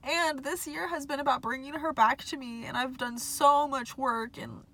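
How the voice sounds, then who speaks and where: A woman's voice: high voice, steady tone, normal speed, pushed and bright. A young woman talking in a casual personal vlog, speaking passionately and saying "like" a lot, from a parking lot. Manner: impassioned, heavy use of "like". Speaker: vlogger.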